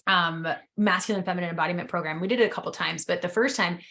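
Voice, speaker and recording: A woman's voice: fairly low pitch, fast talker, sharp tone. A woman hosting a podcast, chatting reflectively about her own experiences. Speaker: podcast host. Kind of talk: casual podcast interview.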